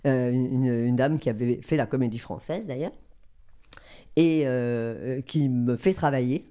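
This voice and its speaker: Mellow-voiced older woman telling stories. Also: extremely low pitch. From southern France. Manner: lively, acts out the people she quotes. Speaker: guest, voice actress. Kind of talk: anecdotal storytelling.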